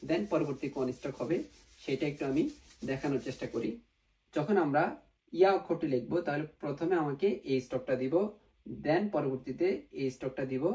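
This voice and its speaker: A man's voice: fairly high pitch, dark tone, distant mic. A man teaching an online language lesson, patiently going step by step and repeating each sound, with English words mixed into his explanations.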